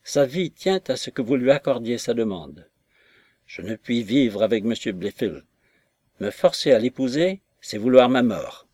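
A man's voice: mid-range voice, lively intonation, unhurried, a little mellow, dry recording. Man doing an imploring young daughter. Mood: pleading. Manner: imploring and emotional. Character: pleading, tender young daughter.

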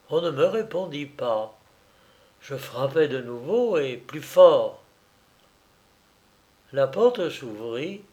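Slow, measured male storyteller. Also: on the high side, darkish tone. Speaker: audiobook reader. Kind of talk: scripted narration of a novel.

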